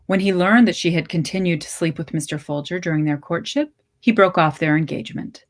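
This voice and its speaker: A woman reads a literary short story aloud in a slightly low voice. She phrases deliberately, letting each clause take its own measured space.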